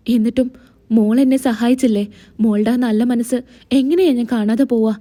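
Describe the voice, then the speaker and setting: A woman's voice: a little high, warm tone, natural voice. A woman voicing a remorseful middle-aged mother-in-law in a pleading, apologetic way.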